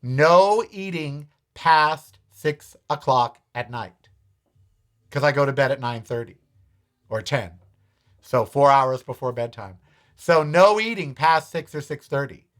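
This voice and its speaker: A middle-aged man in his fifties hosts a casual podcast in a voice that is forceful and bright. He sits a little higher than most men and talks with raw emotion, jumping from loud outbursts to hushed, shaky confessions aimed at his viewers. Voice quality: expressive, emotional, swings between loud exclamations and quiet asides. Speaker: podcast host.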